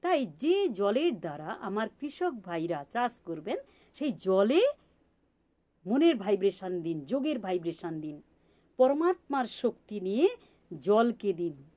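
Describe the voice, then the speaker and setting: Slow, lively-voiced woman teaching meditation. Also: mid-range voice. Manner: repeats points and asks rhetorical questions. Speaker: spiritual teacher. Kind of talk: teaching talk on meditation in farming.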